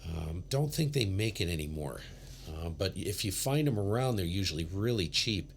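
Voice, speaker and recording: A man hosts an amateur radio livestream in a low, expressive voice with vocal fry, talking casually in a laid-back, rambling way at normal speed. He uses a big studio condenser mic, with a little hiss or hum audible.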